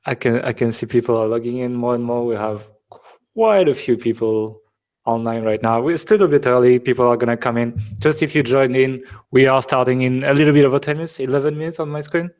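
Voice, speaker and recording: A man's voice: medium pitch, steady tone, brisk, darkish tone. A man with a French accent hosting a live webinar, chatting casually and joking, with lots of filler words. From France. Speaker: webinar host.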